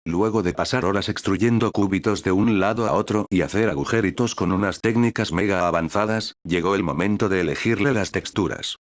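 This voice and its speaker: Low-voiced man narrating a comedic devlog. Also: brisk, hardly any pauses. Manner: tongue-in-cheek, casual slang. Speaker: video narrator, game developer.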